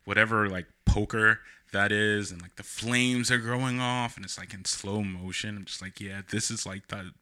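A man co-hosting a casual film discussion podcast, talking in a halting way with many fillers and restarts. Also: lowish voice, fairly even intonation, bright, forceful tone, smooth, no echo, studio quality. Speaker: podcast co-host.

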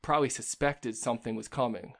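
A man in a casual movie discussion, lively, recounting scenes in close detail and arguing his points. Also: medium pitch, fairly quick.

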